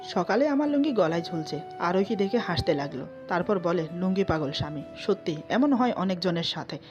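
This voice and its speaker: Brief: female storyteller, steady scripted narration, soft background music, a bit muffled. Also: on the low side, brisk. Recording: slightly dull, soft music behind.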